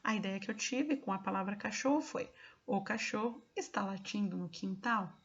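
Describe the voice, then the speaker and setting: A Brazilian woman teaching small children over a recorded lesson, patient and deliberate, pausing to ask whether they understood. Her voice sits at a middle pitch, and the sound is a little dull and muffled. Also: husky. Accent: Brazilian Portuguese. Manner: patient, explains slowly with many check-ins. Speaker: schoolteacher. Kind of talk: remote lesson walkthrough for young pupils.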